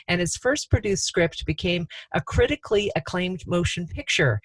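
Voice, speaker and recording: A woman's voice: fairly low pitch, no room sound, low-quality recording. A woman hosting an interview show, reading a scripted intro and asking questions in an earnest, admiring way. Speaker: podcast host.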